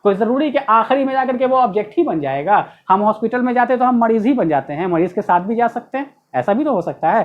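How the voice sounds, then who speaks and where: A man's voice: high-pitched, muffled recording. Man teaching grammar, stressing key words. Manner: explains step by step, asks rhetorical questions, stresses key words. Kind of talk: classroom grammar lesson in Hindi.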